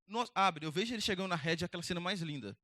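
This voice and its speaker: A young man preaching to teenagers as a youth pastor, direct and conversational, energetic. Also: high-pitched, fast, no echo. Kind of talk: youth sermon.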